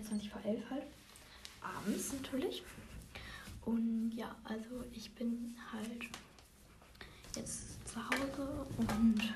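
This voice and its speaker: A teenage girl whispering a hesitant sign-off for her podcast at home at night, with many fillers, heard through low-quality stream audio. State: whispering quietly. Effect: low-quality, noisy stream audio. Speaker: podcast host. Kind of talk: casual chat.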